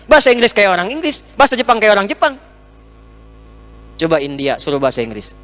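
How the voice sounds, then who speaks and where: A man's voice: sits high, huge pitch swings, quick pace, a bit bright. A man preaching a humorous sermon to an audience, teaching with everyday examples and jokes, speaking into a microphone. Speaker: Islamic preacher. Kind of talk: humorous sermon lecture with questions and answers.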